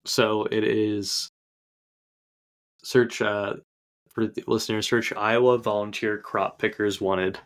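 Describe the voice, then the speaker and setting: Rambling young man with a low voice. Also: level tone, takes it slowly, long pauses. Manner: rambling, heavy with "like" fillers. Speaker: podcast co-host. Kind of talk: casual chat.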